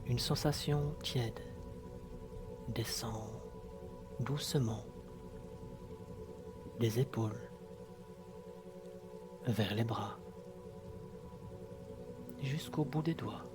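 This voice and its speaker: A man guiding a hypnosis session in a soft, sultry, soothing, hushed voice with long pauses. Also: medium pitch. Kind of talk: slow guided hypnosis narration. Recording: music behind the voice. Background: clear background music.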